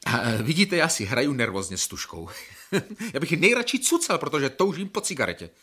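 A jittery, touchy chain-smoking patient. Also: male voice, a little high, big pitch swings, pushed and bright, husky, heavily acted. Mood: uneasy. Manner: restless, defensive, quick to flare up. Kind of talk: radio drama acting.

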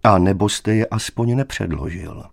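A man's voice: lowish voice, creaky. A man voicing an arrogant, scornful young man who speaks for the castle, in a reading of a story. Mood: officious. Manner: haughty, scornful, raises voice. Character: arrogant young male castellan's son.

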